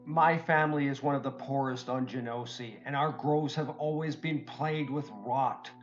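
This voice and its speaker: A man voicing a courteous, well-dressed male kobold merchant who speaks formally, pitched a little above his own voice. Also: fairly even intonation, normal speed, muffled recording, faint music behind, natural voice. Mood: earnest storytelling.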